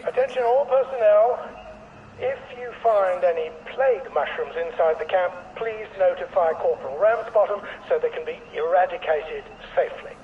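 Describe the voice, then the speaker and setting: An actor playing a brisk male military camp announcer, making formal announcements over a camp loudspeaker. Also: sits high. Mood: official. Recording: dull lo-fi loudspeaker sound with faint noise.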